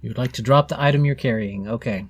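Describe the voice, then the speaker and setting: A man's voice: mid-range voice, fast, slightly rough, dry recording. A man acting as game master, casually refereeing a tabletop game.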